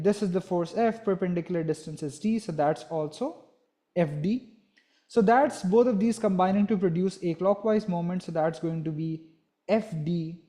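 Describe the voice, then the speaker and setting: His voice is high with a dark tone: a young physics teacher giving a lesson. He builds the explanation one step at a time and often pauses to check in with a "right?".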